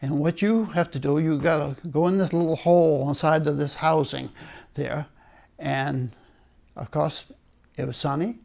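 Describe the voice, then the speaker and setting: In a slightly high, slightly mellow voice with vocal fry, an older Maine man tells interview stories about his days at the paper mill. He keeps a fairly even intonation and moderate pace, his accent distinctly Maine, his humour wry and understated, punctuated by chuckles.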